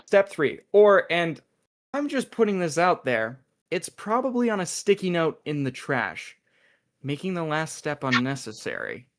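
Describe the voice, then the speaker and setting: Reading a smug, talkative schemer of an agent for a sci-fi comedy table read, this man is glib and dramatic, stumbling over his words once he's cornered. The voice is slightly high and very animated, yet the pace stays measured.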